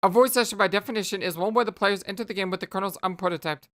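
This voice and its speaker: A woman's voice: medium pitch, very fast, natural voice. A woman voicing a smug, scheming young female alien troll who lectures others with condescension. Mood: lecturing. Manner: condescending, self-assured.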